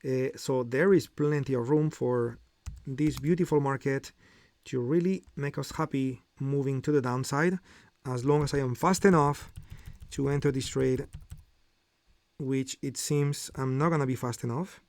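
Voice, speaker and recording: A man's voice: mid-range voice, measured pace, a little mellow, dry recording. A middle-aged man hosting a live trading lesson, explaining step by step with frequent fillers and "okay?" check-ins. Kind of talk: live market commentary and teaching.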